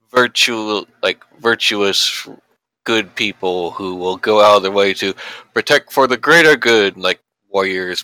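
Man, low forceful voice, casual podcast talk, wordy explanations, close dry sound. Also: clear, resonant tone, no room sound, low-quality recording. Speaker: podcast co-host.

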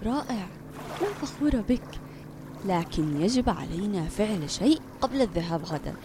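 Protective mother, reassuring, natural pitch; the narrator reads her. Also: lively intonation, normal speed, background noise, close to an everyday voice. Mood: tender. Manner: warm and reassuring. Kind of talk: children's audio story.

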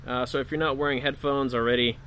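A man's voice: mid-range voice, steady tone, fast, a bit bright, slight background noise, low-quality recording. A man hosting a podcast, speaking casually right into the listener's ear as in a headphone test. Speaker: podcast host.

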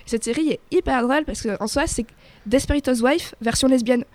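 A young woman with a fairly high voice chats on local radio, full of fillers and self-corrections. The studio sound is dry and close, with no room around her. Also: fairly quick, darkish tone, no echo. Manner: chatty, many fillers and restarts. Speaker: radio guest presenting TV series. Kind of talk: casual radio chat. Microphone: studio microphone.

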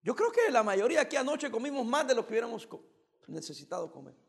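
A pastor from El Salvador giving a joking, teasing sermon with bursts of emphasis. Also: male voice, very high-pitched, big pitch swings, quick pace, vocal fry, long reverb tail.

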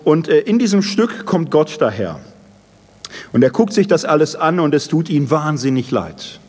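Male preacher, slightly high, husky; conversational sermon with pauses, long church reverb. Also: sing-song, a little mellow. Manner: conversational, with many fillers and pauses.

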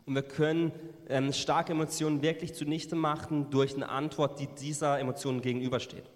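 A man interpreting a sermon line by line into German, often pausing with fillers and correcting himself. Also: on the high side, flat delivery. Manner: hesitant, frequent fillers and self-corrections. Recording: long hall reverb.

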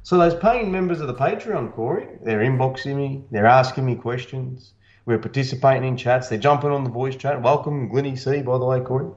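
A man's voice: mid-range voice, brisk, reverberant. An Australian man co-hosting a podcast with crude, teasing, boastful banter and a lot of swearing. His voice sounds muffled and hollow, as if he's talking through a cone. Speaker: podcast co-host.

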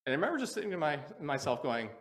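A man, a pastor preaching a sermon and telling a personal story with earnest, animated delivery. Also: on the high side, racing. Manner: earnest storytelling that swings between quiet reflection and animated retelling.

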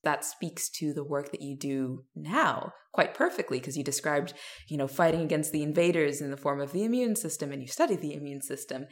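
A woman's voice: low voice, fairly quick. A woman hosting a science interview podcast, reading an upbeat scripted introduction and then asking questions. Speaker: podcast host.

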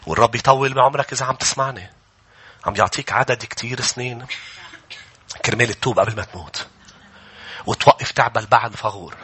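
Forceful, husky preacher man. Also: medium pitch. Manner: impassioned preaching, often rising to shouts. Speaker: pastor. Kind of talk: sermon.

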